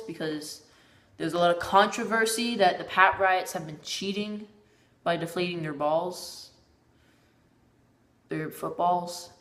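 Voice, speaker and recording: A woman's voice: on the low side, fairly bright tone, roomy sound. A woman vlogging in a casual, rambling monologue, often stumbling and repeating her words.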